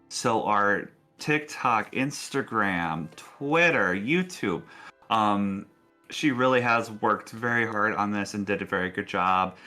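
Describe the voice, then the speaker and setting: As game master of a tabletop role-playing show, a man addresses his players and viewers in a casual, encouraging way. His voice is lowish and sharp in tone, and faint music runs in the background.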